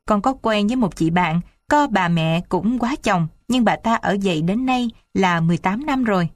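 A woman's voice: medium pitch, expressive, normal speed, dry recording, clean studio sound, lightly acted. A woman voicing an upset young daughter who insists on leaving home. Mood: insistent.

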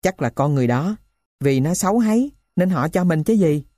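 Woman reading as a gruff poor male thief. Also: low voice, animated, fairly quick, warm tone, no echo, clean studio sound. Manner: rough, blunt storytelling. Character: poor middle-aged male thief telling his tale.

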